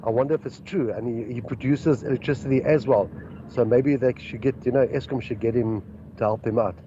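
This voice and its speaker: A man's voice: mid-range voice, brisk. Man in a dull voice message. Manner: rambling, hesitant, with many fillers. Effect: recorded voice message played on air. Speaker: listener sending in a question. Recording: dull lo-fi voice note with faint street traffic.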